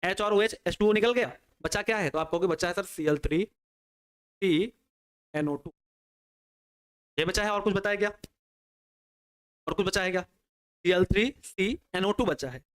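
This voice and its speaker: A man's voice: high voice, normal speed, a bit bright, clean tone. A man teaching a chemistry class online, working through reactions step by step and answering his own questions for the students. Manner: explains step by step at a working pace. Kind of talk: online exam-prep lecture.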